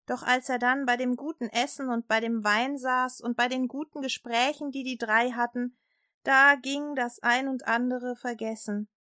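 A woman telling a Bible story to children and closing with a prayer, speaking gently and addressing her listeners directly. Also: on the high side, fairly even intonation, normal speed, no echo, clean studio sound.

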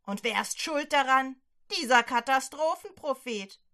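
A woman's voice: a little slow, bright, forceful tone, full character voice. A woman doing a wailing despairing old king. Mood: moaning. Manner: wailing, shrill and blaming.

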